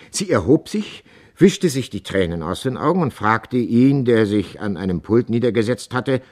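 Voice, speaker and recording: A man narrating a classic story in a measured audiobook reading. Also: on the low side.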